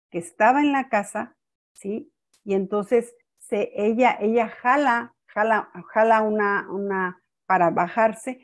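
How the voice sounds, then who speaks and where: Older woman, family-class teacher; slow, deliberate delivery with repeats and frequent check-ins. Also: medium pitch. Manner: unhurried, repeats words, checks in with "¿sí?". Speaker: family-school speaker. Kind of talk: teaching talk with personal stories.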